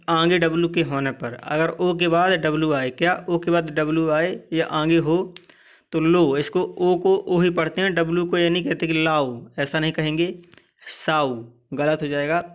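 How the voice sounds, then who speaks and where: A man's voice: fairly high pitch, fairly even intonation, moderate pace. A man teaching English pronunciation in Hindi, reading out example words one at a time and asking the listener "what?" to repeat the point. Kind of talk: Hindi-language lesson explaining English vowel sounds.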